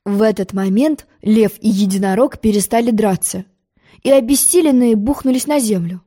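A woman calmly narrating a children's storybook. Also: medium pitch, moderate pace. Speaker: audiobook narrator.

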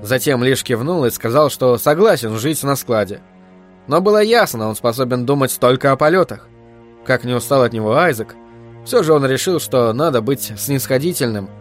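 A man reading a novel aloud in steady, even scripted narration. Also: mid-range voice, normal speed, soft background music. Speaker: audiobook narrator.

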